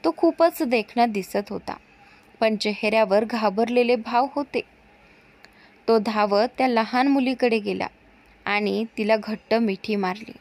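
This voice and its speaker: A woman reading a romantic story aloud in a steady, clear narrating voice. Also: fairly high pitch, unhurried.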